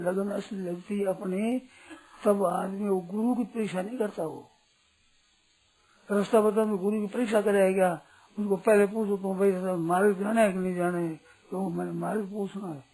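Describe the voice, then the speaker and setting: A man's voice: high-pitched, warm tone, slightly rough, rough recording. An older man from Rajasthan, giving a devotional sermon as a saint, repeating his points in pleading rhetorical questions. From Rajasthan, India. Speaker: saint giving a spiritual discourse.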